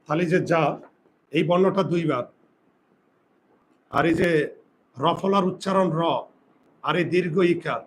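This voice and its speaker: A male teacher giving a grammar lesson, asking his students questions and slowly repeating words for them. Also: fairly high pitch, slight background noise. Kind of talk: classroom lesson.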